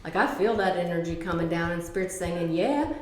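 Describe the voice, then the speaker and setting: A woman's voice: fairly low pitch, little pitch movement, fast, echoey room, low-quality recording. A middle-aged woman giving a casual tarot reading, blunt and profane, with emphatic repetitions. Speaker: tarot reader.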